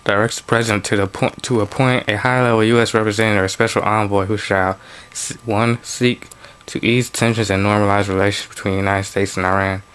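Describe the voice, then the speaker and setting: A man with a lowish, smooth, fairly bright voice reads news articles a little fast and with flat delivery. As a political commentary vlogger, he adds casual remarks of his own, his plain reading broken by offhand asides and restarts.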